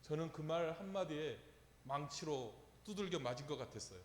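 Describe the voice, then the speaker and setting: A man's voice: on the high side, lively intonation, moderate pace, a little hiss or hum. A man preaching a sermon, telling a story and asking the congregation rhetorical questions. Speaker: pastor. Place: church sanctuary. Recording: echoey church hall with long reverb.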